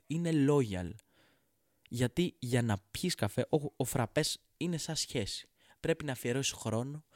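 A man's voice: fairly high pitch, a little mellow, no echo, clean studio sound. A man delivering a sarcastic, profane, exasperated comedic rant straight to the audience. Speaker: comedian ranting to camera.

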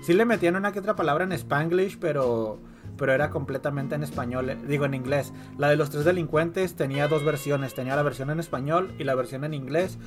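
A Mexican man hosting a podcast, chatting casually about music in a slangy, rambling way. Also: mid-range voice. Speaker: podcast host. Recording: music behind the voice.

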